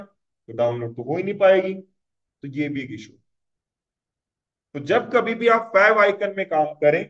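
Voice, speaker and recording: A high-pitched man teaches a casual web development tutorial in a conversational style, frequently asking his students "clear?" The audio sounds dull.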